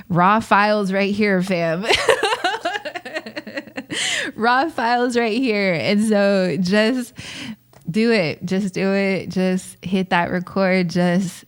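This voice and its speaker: A young woman with a fairly low voice talks straight to her listeners in an unscripted motivational monologue. She speaks in easygoing slang, laughs often and keeps urging them not to be discouraged. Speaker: podcast host.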